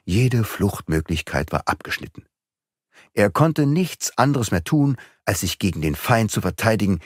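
A man reading a novel aloud in a dramatic, varied style. His fairly low voice moves with lively intonation. The recording is dry and close. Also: no echo. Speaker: audiobook narrator. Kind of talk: scripted audiobook narration.

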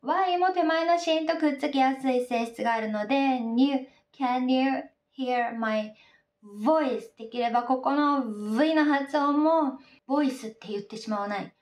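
A high-voiced woman leads a pronunciation lesson for singers and explains each point calmly. She sings lines slowly between her explanations. Her voice sounds a little far from the mic, in an echoing room. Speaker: singing and pronunciation teacher. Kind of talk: slow sung pronunciation lesson. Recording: roomy echo, voice off-mic.

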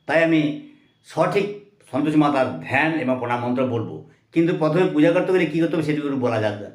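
A man teaching a religious lesson who chants Sanskrit mantras slowly, then explains them line by line and firmly corrects common mistakes. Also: fairly high pitch, echoey room.

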